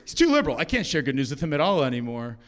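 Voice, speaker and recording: A man's voice: fairly high pitch, very animated, rapid-fire. A young man performing a stand-up comedy set on stage, wry and self-mocking, often slipping into quoted voices. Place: comedy stage with a live audience laughing.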